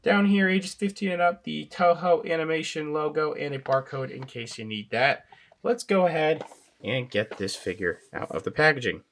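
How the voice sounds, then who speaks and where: A channel host reviews toys casually at a moderate pace, his fairly high voice rasped by a sinus infection. He talks in a relaxed, rambling manner with filler words.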